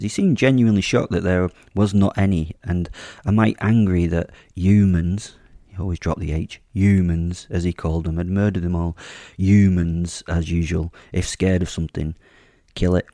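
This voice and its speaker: A podcast host narrates his own horror story in a low, steady, warm voice at normal speed, recorded dry in a clean studio. He keeps it chatty and offhand, cursing casually and cracking dark jokes.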